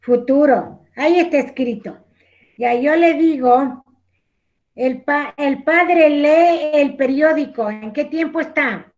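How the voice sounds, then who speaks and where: A woman's voice: high voice, takes it slowly, darkish tone, muffled recording. A woman teacher with an Ecuadorian accent, patiently giving a lesson over a video call and calling on students by name. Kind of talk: online class instruction.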